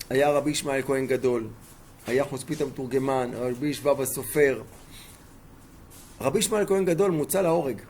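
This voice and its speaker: A man's voice: medium pitch, darkish tone, slight background noise. A man teaching a Torah lesson as a rabbi, telling stories emphatically and throwing rhetorical questions at his listeners.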